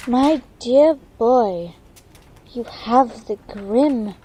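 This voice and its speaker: A woman playing a theatrical, mystical divination professor who foretells doom with dramatic, drawn-out delivery in an audio drama. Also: on the high side, dark tone, slight background noise, rough recording. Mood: grave.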